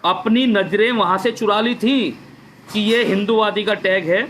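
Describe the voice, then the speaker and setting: An activist delivers an impassioned address on a Facebook live stream, fervently repeating his points and posing rhetorical questions. His high, slightly bright voice stays steady and unhurried, picked up by a phone or webcam with slight background noise.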